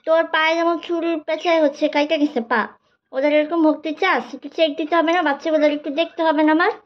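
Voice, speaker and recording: A woman's voice: high-pitched, steady tone, fast. A woman, talking to her pet bird while she checks its chicks, scolding and coaxing it with repeated questions. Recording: dull audio with loud bird noise. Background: squawking budgerigars.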